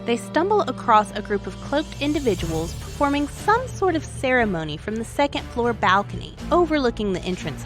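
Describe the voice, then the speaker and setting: A woman hosting a story show, reading a scripted narration of a tabletop adventure in a wry, dramatic way. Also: a little high. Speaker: story podcast host.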